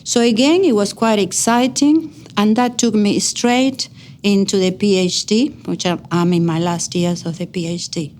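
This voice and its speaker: Speaking at normal speed in a medium-pitched, darkish voice, this Argentine educator and researcher shares a personal account. She is middle-aged, a native Spanish speaker with a Spanish accent, and she talks earnestly, leaning on important words. There is slight background noise.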